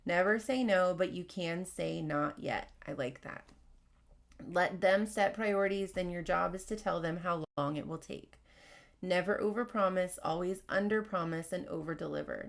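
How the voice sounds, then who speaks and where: A woman hosting a casual advice podcast, talking fast and candidly while she reads out workplace stories and comments. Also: on the low side, vocal fry. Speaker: podcast host.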